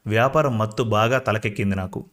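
A man's voice: fairly low pitch, brisk, fairly bright tone. A man narrating a first-person story in a reflective, emotive manner.

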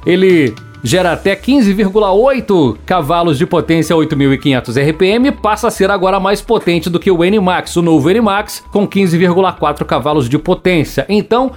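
A man's voice: high voice, lively intonation, moderate pace, soft background music. A man with a Brazilian Portuguese accent hosting a motorcycle podcast, chatty and teasing, talking straight to his viewers. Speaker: motorcycle channel host. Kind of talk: casual podcast-style review.

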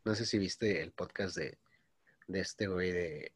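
A man's voice: deep voice, measured pace, slightly rough, no echo, clean studio sound. A man in his twenties with a Mexican Spanish accent, co-hosting a podcast and telling stories in slangy casual chat. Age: 20s. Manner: slangy, says "güey" constantly, storytelling. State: coughing. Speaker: podcast co-host.

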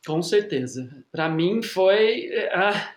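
Man, lively storyteller, casual chat, echoey room. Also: sits high, slow. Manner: animated storyteller, acts out scenes with mock crying. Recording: roomy echo.

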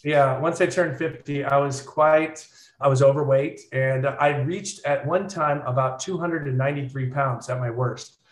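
A man's voice: medium pitch, normal speed, roomy sound. A man in his fifties, a guest on a podcast, talking in an earnest, upbeat, reflective way in casual conversation. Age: 50s. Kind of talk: casual interview chat.

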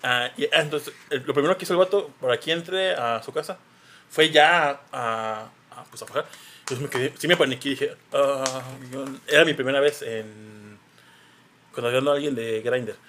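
A man's voice: mid-range voice, normal speed, bright, forceful tone. A man with a Mexican Spanish accent hosting a casual podcast, rambling and restarting as he tells his stories. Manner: rambling, full of fillers and restarts. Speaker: podcast host.

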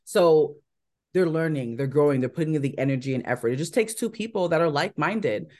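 A woman's voice: sits low, animated, fairly quick, a little mellow. An American woman answers interview questions as a coach would, in a conversational and confident way. She speaks emphatically and checks in with rhetorical questions as she lays out her advice. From Seattle, Washington, United States. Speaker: matchmaker and dating coach, interview guest.

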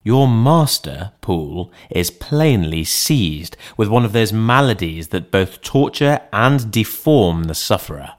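A man reading the part of a sober, rational gentleman lawyer in an audiobook, in a measured, formal manner. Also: fairly low pitch, very animated. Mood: reasoning, reassuring.

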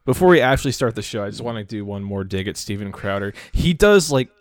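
Deadpan young man, dry close sound. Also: lowish voice, quick pace, no room sound. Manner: deadpan joking, profane. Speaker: podcast co-host. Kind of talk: casual podcast chat.

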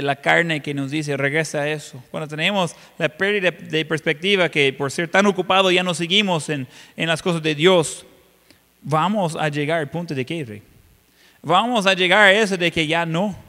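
A male pastor preaching a sermon, swinging between loud passages and hushed ones. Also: high voice. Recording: long reverb of a large hall.

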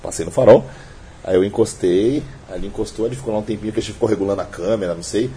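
A man's voice: lowish voice, very fast, slight background noise. A man, a police officer, telling stories in casual podcast chat and acting out the dialogue. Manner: animated storyteller, acts out dialogue.

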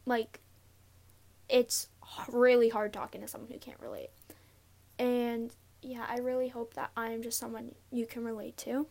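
Nervous, high-voiced young woman. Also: fairly even intonation, vocal fry, a little mellow. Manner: nervous, halting, giggly. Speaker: podcast host. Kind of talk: casual confessional solo talk. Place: inside a closet, sitting on a pillow.

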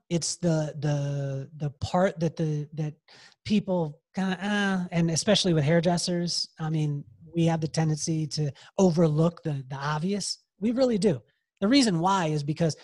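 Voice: mid-range voice, a little slow, a little mellow, dry recording, studio quality. A hairdresser and salon coach speaking as a podcast guest, emphatic and given to repeating key phrases. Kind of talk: podcast interview, motivational advice.

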